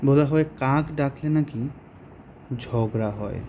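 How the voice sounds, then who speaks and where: Bengali-accented male teacher, unhurried delivery, soft mellow tone, faint background hiss. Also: mid-range voice. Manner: explains slowly, with hesitations and rhetorical questions. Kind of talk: poetry lesson explanation.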